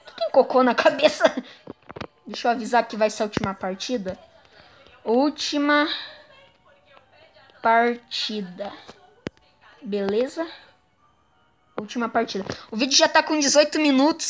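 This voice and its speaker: A young woman with a Brazilian Portuguese accent giving excitable, playful let's-play commentary, teasing and squealing as she plays. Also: high voice, moderate pace, pauses often, soft background music. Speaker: gaming YouTuber.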